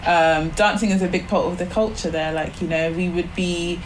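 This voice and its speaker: A woman's voice: lowish voice, steady tone, normal speed, a little hiss or hum, low-quality recording. A woman from Barbados, a podcast guest, talking casually and rambling, with lots of "like" fillers. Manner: chatty, many "like" fillers, rambling. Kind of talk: casual spiritual chat.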